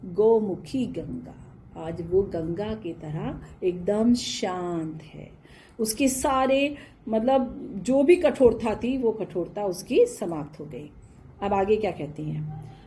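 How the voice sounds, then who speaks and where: A woman teacher who reads poem lines slowly, then explains them in plain with glosses. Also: mid-range voice, animated, warm tone, a little hiss or hum.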